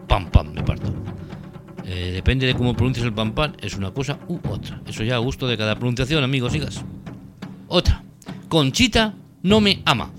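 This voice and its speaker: A man from hosting a comedic parody language lesson, mock-teacherly and punning with crude asides. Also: mid-range voice. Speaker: host of a spoof language course. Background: music.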